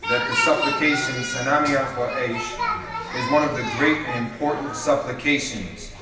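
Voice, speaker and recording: A man giving a sermon at a religious gathering, reading aloud in a measured, steady way. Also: mid-range voice, slight background noise. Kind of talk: sermon with read-aloud prayer. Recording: echoey hall, voice from far off.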